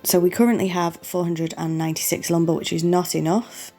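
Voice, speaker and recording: Her voice is fairly low and warm, delivered flatly and a bit fast over soft background music. Fighting a cold that has her sniffly and losing her voice, the gaming host keeps apologizing while casually guiding viewers step by step through a farming game playthrough.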